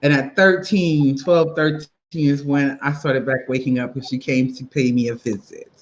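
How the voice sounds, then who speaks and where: Animated woman telling a personal story. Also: very deep voice, moderate pace, low-quality recording. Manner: folksy, conversational. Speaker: guest. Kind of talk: casual chat, personal storytelling.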